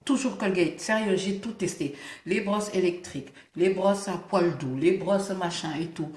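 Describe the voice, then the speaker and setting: A woman's voice: fairly low pitch, unhurried, a little mellow. A woman with a lisp that makes her s slushy, chatting casually and emphatically to camera with English interjections. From Senegal. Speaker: beauty vlogger. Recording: roomy, echoing indoor sound.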